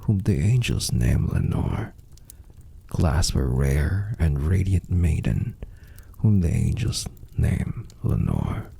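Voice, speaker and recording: A man giving a dramatic, brooding recitation of gothic poetry in a gravelly, breathy rasp, drawing out words theatrically. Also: rumbling low, warm tone. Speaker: poetry reader.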